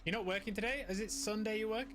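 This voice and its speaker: A man from northern UK with a mild British accent live streams a game, chatting casually and laughing easily over game music. His voice is high-pitched and fast.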